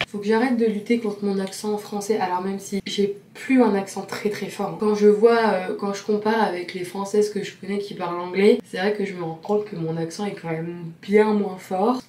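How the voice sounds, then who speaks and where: A woman's voice: mid-range voice, fairly even intonation, normal speed, mellow. A young woman in her twenties from France with a French accent, chatting casually to the camera in a vlog, mixing English words into her talk. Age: 20s. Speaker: vlogger. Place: home interior, kitchen. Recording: roomy home with background music.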